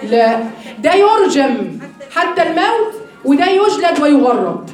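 A woman with an Egyptian accent giving a religious lesson to women, animated and full of rhetorical questions to her listeners. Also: very high-pitched, moderate pace. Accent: Egyptian Arabic. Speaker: religious teacher. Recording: very echoey room from far off mic.

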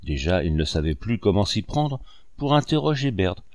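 A man reading a novel aloud as an audiobook, in an expressive storytelling manner. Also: sits low, moderate pace, no room sound, studio quality. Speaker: audiobook reader. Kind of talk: scripted narration of a novel.

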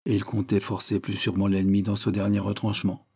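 A man narrating a historical novel in measured, even storytelling. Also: lowish voice, husky. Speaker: audiobook narrator.

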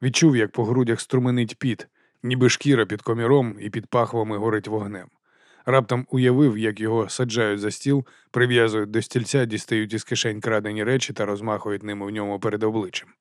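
A man reading an audiobook in a measured, even storytelling manner. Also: on the low side, dry recording, clean studio sound. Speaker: audiobook narrator. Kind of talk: scripted audiobook narration.

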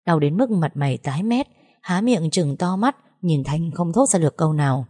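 Husky, mellow woman narrating a story. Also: sits low, expressive, moderate pace. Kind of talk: first-person audio story narration.

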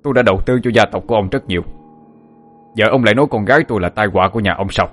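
An enraged middle-aged father in an audio story, firing off indignant words in a low voice, as a man puts him on. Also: big pitch swings, breathy edge. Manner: fast, indignant shouting.

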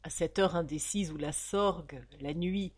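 Expressive woman audiobook narrator. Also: low-pitched, a little slow, slightly rough, no echo. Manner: expressive, lively reading with slang. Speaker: audiobook reader.

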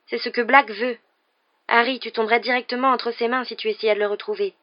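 A woman's voice: medium pitch, fairly even intonation, fast talker, lo-fi sound, pitched above the performer's own voice, natural voice. Woman voicing a pleading, anxious teenage girl. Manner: urgent, pleading.

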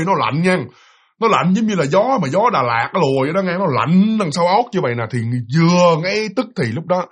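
Male ghost-story teller, slightly high voice with wide swings, husky. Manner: animated, acts out voices of people in the story.

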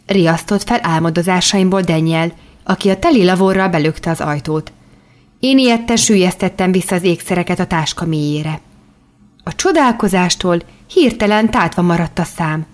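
A woman narrates an audiobook in the first person, with calm, measured storytelling. Her voice sits slightly low for a woman.

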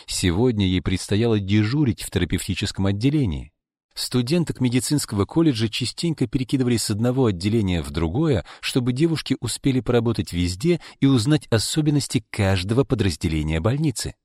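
A man narrating a story with an expressive reading voice. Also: on the low side, dry recording, clean studio sound. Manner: expressive reading, voicing all characters.

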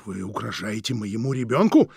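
A stern shopkeeper husband orders an intruder out, as a male reader voices him in an audiobook. He speaks firmly with a gravelly texture. The recording is close and dry. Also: lowish voice, sing-song, normal speed, darkish tone, no room sound, heavily acted. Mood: indignant. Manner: firm, indignant. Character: firm middle-aged British shopkeeper husband, indignant.

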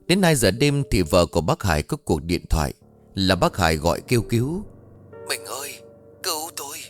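A man narrating a ghost story in an expressive, animated way. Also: low-pitched, fairly quick, faint music behind.

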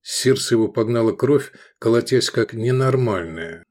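A man reading an audiobook novel in an even, measured way. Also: mid-range voice. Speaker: audiobook reader. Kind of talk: scripted narration.

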